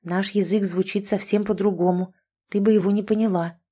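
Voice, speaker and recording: Woman voicing a young man in a kitten's body, touchy, condescending, warm mellow tone, audiobook. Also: medium pitch, steady tone, brisk, slightly rough, lightly acted. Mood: grumpy. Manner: grumpy, condescending. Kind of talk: audiobook dialogue reading.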